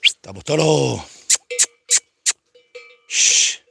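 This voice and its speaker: A man's voice: mid-range voice, lively intonation, drawn-out words, gravelly, bright, forceful tone, slightly rough, no echo. A man, a cattle farmer, rambling to himself and calling out to his cows as he works outdoors. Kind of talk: casual monologue while working.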